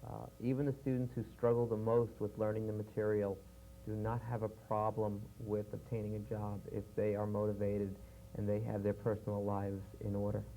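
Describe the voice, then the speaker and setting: Low mellow guy explaining a job program, slow and careful, faint hiss and hum from a worn vhs tape. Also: completely flat delivery, poor audio. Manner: measured, explanatory, with frequent fillers. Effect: worn VHS tape copy. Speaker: training program staff.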